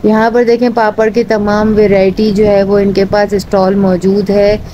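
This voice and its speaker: Guiding viewers through a market, this vlogger speaks with a Pakistani Urdu accent, naming each item and its price in a steady sequence. She has a medium-pitched voice at normal speed, while music plays beneath, the highs are cut off, and there's slight background noise.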